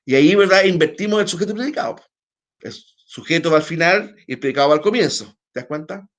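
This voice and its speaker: A man's voice: on the high side, lively intonation, quick pace. A man with a Chilean accent teaching an online class, explaining at length, often checking in with tag questions. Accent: Chilean Spanish. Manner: hesitant restarts, talks on in a loose flow.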